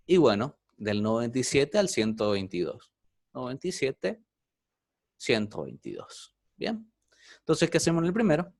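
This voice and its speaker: A man's voice: a little high, dry recording. A man teaching an online programming class, explaining step by step and often checking in with the students.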